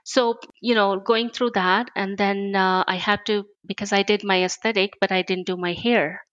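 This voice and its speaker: A woman from India with an Indian accent, a guest in an interview, telling her story in a lively way and acting out the dialogue. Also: mid-range voice, normal speed, no echo, muffled recording. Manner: animated storyteller who acts out dialogue. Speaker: guest, spa owner.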